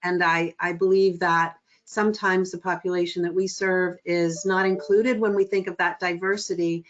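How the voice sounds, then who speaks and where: Middle-aged female guest, earnest and measured, lowish pitch, lo-fi call sound. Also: level tone. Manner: earnest, measured, with frequent ums. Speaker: guest speaker. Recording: muffled lo-fi webinar audio.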